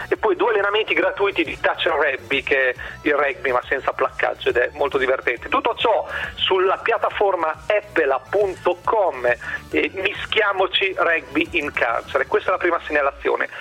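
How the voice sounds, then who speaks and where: A man presenting a conversational segment as a radio contributor, often halting to search for words. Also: on the high side, sharp tone, slightly rough, rough recording.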